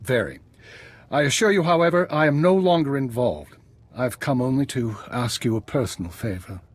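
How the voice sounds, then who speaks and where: A male actor voices an older, retired spymaster in a video game, with lightly acted delivery at a medium pitch. He sounds composed, dry and wry, using measured, formal phrasing.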